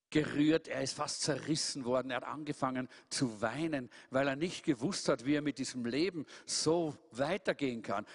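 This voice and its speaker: A man telling a fable in an animated, conversational way. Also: a little high, big-room sound. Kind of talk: oral storytelling of a fable.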